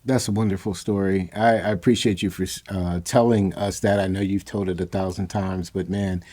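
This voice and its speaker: Man, podcast host, lowish voice, dark tone, appreciative, prompting. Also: flat delivery, moderate pace. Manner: appreciative, gently prompting the guest. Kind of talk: casual interview chat.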